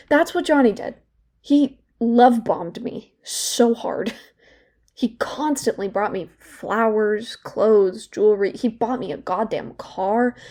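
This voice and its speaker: In a naturalistic audio drama monologue, an actress plays a young woman in therapy who confides in a halting, sardonic, conversational way. Her voice is on the high side and mellow. The mood is bitter, regretful and reflective.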